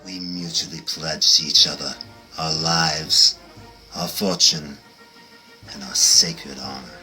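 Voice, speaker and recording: A man giving a solemn, theatrical recitation of a historical document in a deliberate manner. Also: rumbling low, fairly even intonation, bright, forceful tone, soft background music. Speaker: horror host.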